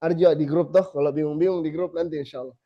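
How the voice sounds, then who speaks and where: Guy teaching recitation, slow and patient, keeps sounding out letters, mellow voice, kinda muffled audio. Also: a little high, steady tone. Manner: demonstrates letter sounds by slow repetition, then corrects. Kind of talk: tajweed lesson to a small group. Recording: slightly dull lo-fi recording.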